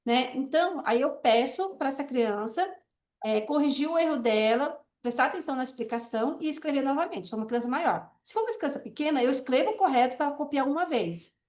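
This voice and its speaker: A woman's voice: high-pitched, lively intonation, fairly quick, reverberant. A woman teaching an online class, explaining step by step and often checking in with her listeners.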